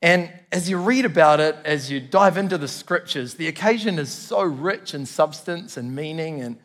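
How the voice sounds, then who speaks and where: Male pastor, New Zealand accent, sermon delivery, earnest and emphatic, slightly high voice, reverberant hall. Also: moderate pace, a bit bright. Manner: earnest, emphatic phrasing with repetition. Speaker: church pastor. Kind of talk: sermon to a congregation.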